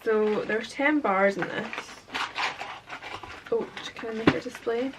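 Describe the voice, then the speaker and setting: A woman's voice: fairly high pitch, takes it slowly, very noisy. A young woman chatting casually through a product unboxing vlog, sometimes talking while eating. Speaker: vlogger.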